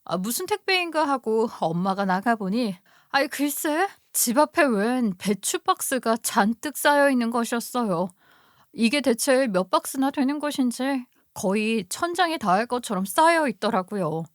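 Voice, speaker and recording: A woman's voice: on the high side, animated, normal speed, no echo, studio quality. A woman narrating a first-person story in an emotional, confiding manner.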